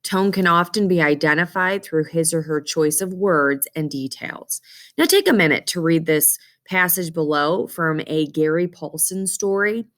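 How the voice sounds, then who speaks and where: A woman's voice: low voice, animated, moderate pace, a bit bright. A woman teacher giving an instructional reading lesson to children, explaining step by step and often checking that they follow. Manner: checks understanding often with okay and questions.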